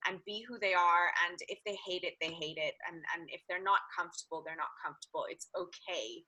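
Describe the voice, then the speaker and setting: A woman's voice: on the low side, brisk, sharp tone, rough recording. A woman hosts an interview podcast, asking long, rambling questions with many fillers. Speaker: podcast host. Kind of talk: casual interview conversation.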